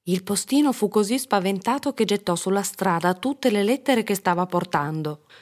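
A woman reading a children's story aloud in an expressive storytelling manner. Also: medium pitch, normal speed.

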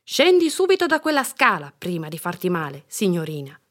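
A woman's voice: lowish voice, lively intonation, moderate pace. A woman voicing a firm but loving mother in a storybook reading, with a scolding yet tender manner.

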